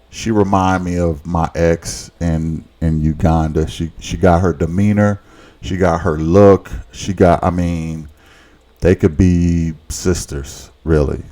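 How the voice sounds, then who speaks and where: A man's voice: low voice, darkish tone. A man giving a laid-back, rambling reaction commentary, often repeating himself as he talks.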